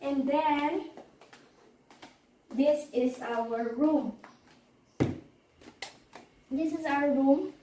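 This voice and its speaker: This vlogger is a woman from the Philippines whose high voice carries a dark, hoarse tone, and she clears her throat now and then. Touring her house, patio first and then indoors, she narrates slowly and chattily, halting and repeating phrases. The sound is distant and echoey with background noise.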